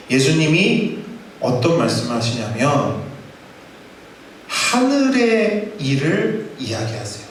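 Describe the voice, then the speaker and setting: A male pastor preaching in a lively, conversational way, his voice pitched high and swinging widely. Rhetorical questions keep the congregation engaged. The mic sits far away in a church sanctuary full of echo, with faint noise underneath. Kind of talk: sermon. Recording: echoey church hall from far off.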